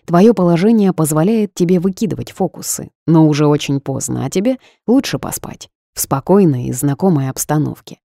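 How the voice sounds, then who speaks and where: A smug, seductive boss man, as a woman narrator puts him on speaks low and unhurried. His voice is dark and gravelly, and he commands without raising it. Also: animated, no room sound, studio quality, exaggerated voice.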